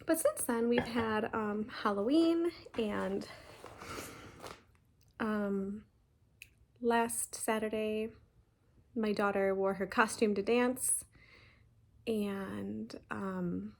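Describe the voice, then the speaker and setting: A woman, chatting casually in a stitching vlog, talking fast and rambling with many ums and restarts. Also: medium pitch, vocal fry. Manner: talks fast. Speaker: flosstube host.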